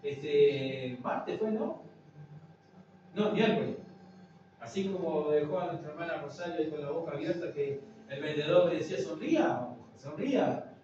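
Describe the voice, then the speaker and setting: A man's voice: on the high side, normal speed. An older man, preaching a sermon in a conversational way and often asking the congregation "right?". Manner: conversational preaching, frequent tag questions to the congregation. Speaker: pastor. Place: congregation's meeting room. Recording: very echoey room, distant mic, dull, noisy.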